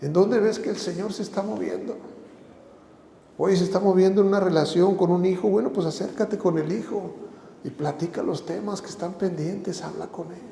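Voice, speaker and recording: A man's voice: high voice, normal speed, gravelly, dark tone, roomy sound, big-room sound, a little hiss or hum. A man preaching a sermon as pastor, exhorting the listeners with repeated phrases and rhetorical questions.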